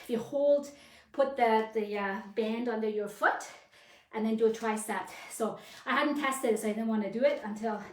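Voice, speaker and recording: Recorded on a distant microphone in an echoey room, a woman teaches a live workout class as a fitness instructor. She speaks at a moderate pace in a voice on the high side. Her delivery is encouraging, made of short commands and counts.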